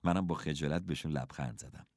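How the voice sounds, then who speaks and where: A man reading a first-person story aloud, expressive and measured. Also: very deep voice, no room sound, clean studio sound. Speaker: audiobook narrator.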